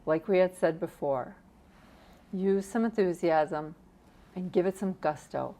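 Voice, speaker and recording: A woman's voice: on the low side, unhurried, dark tone. A middle-aged woman giving a casual, encouraging motivational talk to camera, acting out the phrases she quotes with gusto. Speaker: personal finance vlogger.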